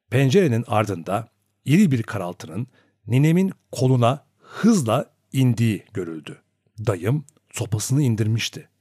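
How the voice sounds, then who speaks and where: A man reading a novel aloud as narrator, in an expressive, dramatic storytelling manner. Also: medium pitch, breathy edge, no room sound, clean studio sound. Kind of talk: audiobook narration.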